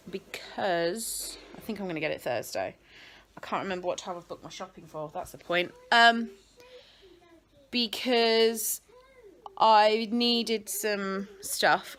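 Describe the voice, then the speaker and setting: A woman's voice: medium pitch, fairly bright tone. Chatty woman vlogging from home. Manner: rambling, chatty, self-interrupting. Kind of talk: casual chatty vlog. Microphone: phone camera clipped on a window ledge.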